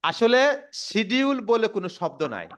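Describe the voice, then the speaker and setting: A man with a Bangladeshi accent teaching English pronunciation to a class, repeating words slowly and quizzing the students. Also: sits high, very animated, a bit bright. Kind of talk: classroom lesson. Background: students responding.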